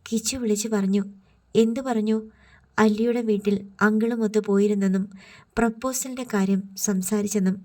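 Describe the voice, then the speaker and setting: Audiobook: woman doing a hesitant young man with a mellow tone. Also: mid-range voice, steady tone, fairly quick, natural voice. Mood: puzzled. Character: young man, puzzled and gentle.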